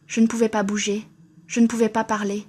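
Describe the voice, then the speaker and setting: A woman's voice: a little high, little pitch movement, brisk, a little mellow. A woman narrating a first-person horror story in a tense, scripted way.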